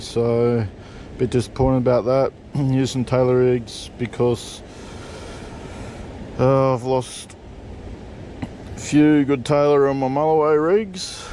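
A middle-aged Australian man talks through a fishing rig in a relaxed, mellow voice, dropping casual swear words as he goes. He is recorded on a body camera at the back of a parked vehicle, with a faint hum behind him. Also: mid-range voice. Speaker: fishing vlogger. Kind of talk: casual how-to chat. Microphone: point-of-view body camera.

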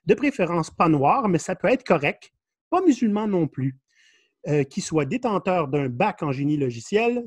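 A man's voice: on the high side, husky, dry recording, clean studio sound. A man in his thirties with a Québécois French accent, co-hosting a podcast and reading listener stories with wry asides. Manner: reads stories aloud, wry asides with chuckles. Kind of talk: casual podcast chat. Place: small room indoors.

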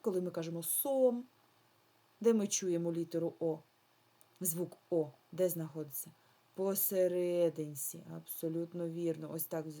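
Female teacher for a recorded remote kids' lesson. Patient, draws words out, dark and slightly breathy tone. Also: on the low side. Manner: slow, patient, drawn-out words for children. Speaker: primary school teacher. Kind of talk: remote lesson for young children.

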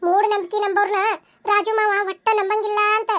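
A woman voicing a headstrong, scheming young village lady in a cartoon, petulant and sharp-tongued, with a North Karnataka Kannada accent. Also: very high voice, level tone, brisk. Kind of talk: cartoon voice acting.

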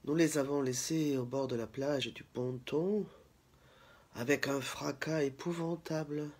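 Husky man reading a story aloud. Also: mid-range voice, steady tone, a little slow, darkish tone. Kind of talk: storybook narration.

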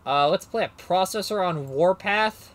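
A man's voice: high-pitched, normal speed, a bit bright. A man casually narrating his moves in a card game match, rambling and self-mocking, often losing his train of thought. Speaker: card game player and commentator.

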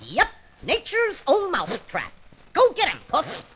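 Daffy Duck, sly boastful cartoon duck. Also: male voice, extremely high pitch, wildly swooping pitch, background noise, exaggerated voice. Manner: sly, fast-talking, pleased with himself. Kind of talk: children's story record acting. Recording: music playing behind.

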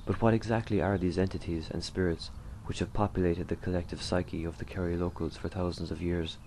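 Deep, even male narrator. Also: a little fast, creaky, a little hiss or hum. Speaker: documentary narrator. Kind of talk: scripted documentary narration. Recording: loud music under the voice. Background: plucked guitar music.

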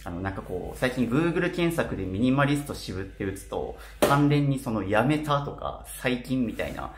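Casual male vlogger, twenties, animated intonation, slightly slurred from wearing a mouthguard-style aligner, echoey room. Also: mid-range voice, normal speed. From Kitakyushu, Japan. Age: 20s. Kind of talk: casual talk to camera. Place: small bare apartment room, indoors. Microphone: camera a short distance away. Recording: roomy echo with faint noise.

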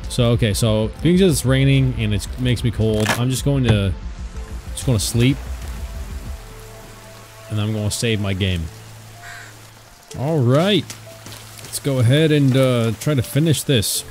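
Speaking at a measured pace with long pauses, a man runs a gaming video, chatting casually to himself and his audience during play. Excitement makes him loud and high. Rain sounds and game music play in the background.

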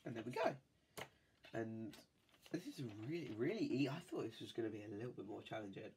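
His mid-range voice swings widely in pitch and runs a little fast, with background noise present. The host, who has a cold, builds a toy set at an indoor desk while chatting casually and rambling, full of fillers, for his toy-building video.

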